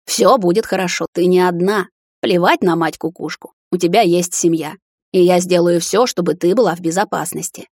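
A woman's voice: lowish voice, moderate pace, a little mellow, no room sound, clean studio sound. A woman voicing a young prince who teases his younger sister and then comforts her, in an audiobook reading. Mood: soothing. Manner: bantering, then soothing. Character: teasing, protective young prince, older brother.

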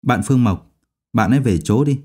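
A man's voice: mid-range voice, animated, moderate pace, darkish tone, slightly rough. A man voicing an awkward male vice principal speaking with forced politeness. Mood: strained.

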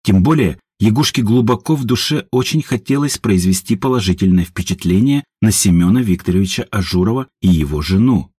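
Animated, husky male audiobook narrator. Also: fairly low pitch, a little fast, few pauses, no room sound, clean studio sound. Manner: expressive, animated reading.

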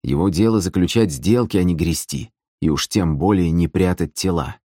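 A man narrating an audiobook in an expressive, scripted storytelling manner. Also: low-pitched, moderate pace, slightly rough, no room sound, studio quality.

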